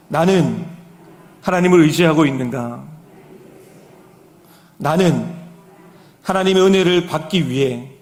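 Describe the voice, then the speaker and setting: A man's voice: a little high, darkish tone. A middle-aged man, a pastor, preaching an earnest evening sermon in a church and speaking straight to the congregation. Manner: earnest preaching, repeated direct address to the congregation. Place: church sanctuary. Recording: long church hall reverb.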